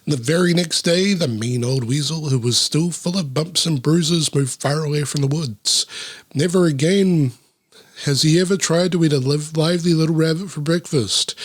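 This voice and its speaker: Dude reading a kids book out loud n snarking at it, kinda highish voice, dry close sound. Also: male voice, husky, no echo. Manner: deadpan, sarcastic, swears in asides. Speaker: storyteller reading a children's book aloud. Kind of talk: comedic read-aloud with sarcastic asides.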